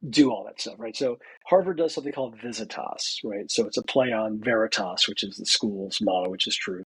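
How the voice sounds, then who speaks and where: This mid-range male voice has a breathy edge and comes through on a low-quality recording. He's a forty-something American veteran turned college student, a chatty interview guest telling a story, peppering it with "you know" and performing quoted dialogue.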